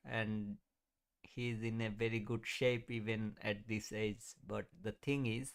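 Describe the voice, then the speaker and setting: With a fairly low, creaky voice that barely moves in pitch, a man in his thirties hosts a live trading stream at an unhurried pace. He laughs often while casually answering viewers, muttering at the chart as he watches.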